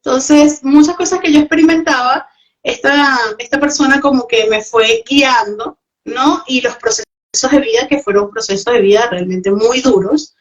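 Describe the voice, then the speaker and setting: A woman's voice: high voice, normal speed, highs cut off. A Venezuelan woman with a Venezuelan accent, a guest talking reflectively in a casual interview chat. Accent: Venezuelan Spanish. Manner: reflective, often adds tag questions.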